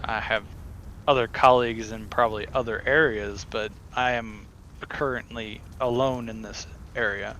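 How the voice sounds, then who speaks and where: A man playing a reserved, secretive adult cleric who answers in terse, low-key replies. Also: steady tone, moderate pace, fairly bright tone, a little hiss or hum, close to an everyday voice. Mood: guarded. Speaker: player. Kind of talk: tabletop role-play in character.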